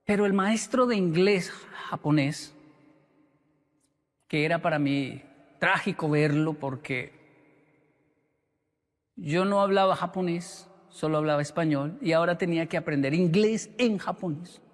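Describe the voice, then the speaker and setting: Brief: male preacher-storyteller, animated, voices his characters, reverberant venue. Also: fairly high pitch, a little slow, long pauses. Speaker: motivational speaker. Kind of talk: storytelling sermon.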